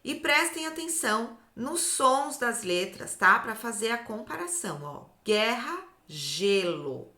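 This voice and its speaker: Brazilian woman, children's literacy teacher, slow deliberate delivery, echoey room. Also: on the high side, animated, sharp tone. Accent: Brazilian Portuguese. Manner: slow, drawn-out syllables, often ends with "tá?". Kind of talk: slow, clear phonics lesson for children.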